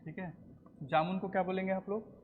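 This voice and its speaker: Male teacher, slightly high voice, quizzing the class in a long-echo room on a dull recording. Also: steady tone, brisk, a little hiss or hum. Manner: quizzes the class, repeats answers, says "ठीक है" often. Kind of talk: classroom lecture.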